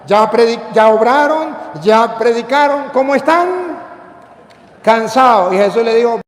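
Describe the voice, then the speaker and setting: Venezuelan priest giving a sermon, high voice, jokey, acts out voices, echoey church. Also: male voice, expressive, unhurried. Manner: playful preacher acting out voices and stories. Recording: echoey hall with long reverb.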